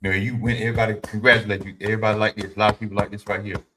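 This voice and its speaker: A man in his fifties hosting a livestream fires off informal, preachy motivational advice rapidly in a lowish, level voice. He repeats his points and replies to the chat, with a noisy background behind him.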